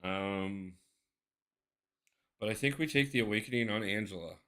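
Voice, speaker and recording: Guy streaming a phone game, really bright voice, rambles and talks to chat. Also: lowish voice, moderate pace. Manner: chatty, thinks aloud, addresses chat by name. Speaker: streamer playing a mobile game. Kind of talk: casual live-stream chat.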